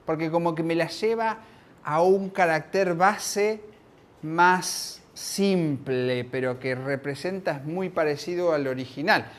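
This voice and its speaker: A man's voice: fairly high pitch, slow. A man with an Argentine accent giving a technical conference talk, chatty and self-correcting, often checking in with the audience. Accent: Argentine Spanish. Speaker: conference speaker.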